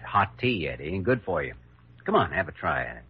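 A man's voice: sits low, sing-song, a little fast, slight background noise. A man playing an earnest, stubborn young hospital doctor, understated and direct, in 1940s radio drama style. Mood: calm, concerned. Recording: dull old radio recording.

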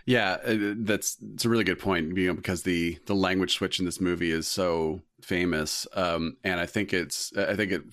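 Deep-voiced man talking films, rambling. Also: fairly even intonation, moderate pace, hardly any pauses, a bit bright. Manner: rambling, many restarts and fillers. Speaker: podcast co-host. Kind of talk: casual film discussion.

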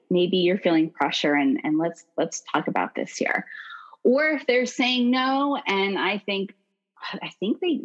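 The recording's highs are cut off, leaving this woman's mid-range voice a bit dull. She's a consent educator guesting on a podcast interview, explaining with lots of energy and acting out quoted voices.

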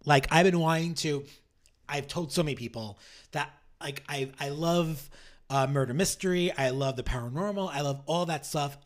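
A man's voice: a little high, moderate pace. Enthusiastic male podcast host from New York. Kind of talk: casual chat.

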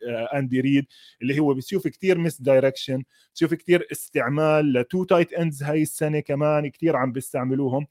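A man with a Levantine Arabic accent talks sport in a casual, off-the-cuff way as an analyst. His voice sits a little high, and he speaks very quickly, dropping English terms into his sentences. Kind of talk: casual unscripted football commentary.

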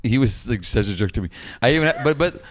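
A podcast co-host in casual chat, slangy and profane, telling an annoyed story. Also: male voice, medium pitch, animated, fast talker.

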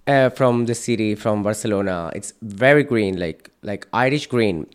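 A man from Catalonia with a Catalan Spanish accent, a native Catalan speaker, talking in halting English with many repeats as an interview guest. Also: lowish voice. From Catalonia, Spain.

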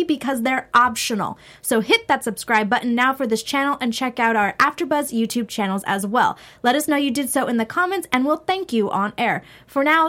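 A woman's voice: a little high, a bit bright. A bubbly woman panelist on a TV aftershow who laughs easily and reads a channel announcement. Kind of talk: casual chat, read announcement.

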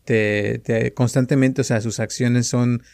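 A man talks things through in a relaxed conversation, pausing on fillers as he thinks. His voice is middle-pitched. The recording is dry, with no room sound. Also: vocal fry, no room sound. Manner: reflective, builds on the other's points with many fillers. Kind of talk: casual conversation.

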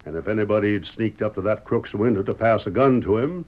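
A fast-talking man with a lowish voice gives a lightly acted turn as a stubborn, wry middle-aged frontier father running for sheriff in an old-time radio western. His folksy Western American drawl is sly and needling, the mood wry and defiant. The recording sounds dull and muffled, like old radio.

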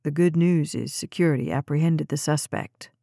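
A woman reading the lines of a steady, caring male police officer, calm and measured. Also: deep voice, creaky, no echo, studio quality, voice pushed down. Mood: calm, gentle.

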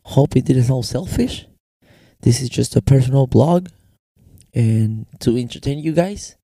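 Animated yet slow-paced, a young Mexican man talks through his own casual podcast in a warm, mid-range voice, code-switching between Spanish and English and leaning on slang. His accent is Mexican Spanish with some American English, and the close podcast mic gives an echo-free sound.

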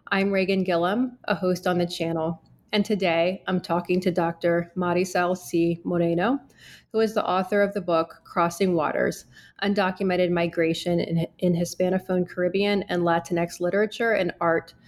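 Woman hosting an academic book podcast. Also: on the low side. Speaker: podcast host. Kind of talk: podcast interview.

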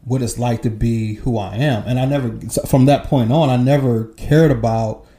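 A man in his forties with a deep, very dark and mellow tone speaks in a relaxed, candid podcast conversation. His talk is loose and profane, broken up by easy laughs. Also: moderate pace. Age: 40s. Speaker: podcast guest. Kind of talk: casual chat.

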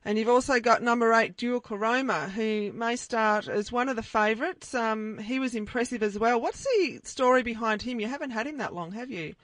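A woman's voice: fairly high pitch, normal speed, few pauses, fairly bright tone, dry recording. Australian woman on sports radio, dry sound. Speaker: radio racing co-host and interviewer. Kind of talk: sports radio interview and tipping.

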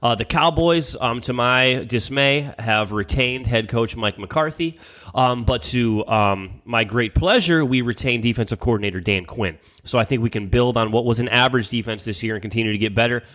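A man's voice: mid-range voice, moderate pace, a bit bright. A young man hosting a casual sports podcast, chatty and full of ums. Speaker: podcast host.

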